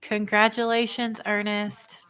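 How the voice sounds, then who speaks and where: A woman's voice: mid-range voice, level tone, measured pace, a bit bright, clean tone, poor audio. An American woman talking casually as co-host of a live football fan show. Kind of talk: casual live sports chat.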